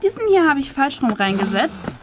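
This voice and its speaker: A woman in her thirties gushes to viewers as she unboxes an advent calendar in a small furnished indoor studio. Her voice sits high and sing-song at a moderate pace, with background noise present.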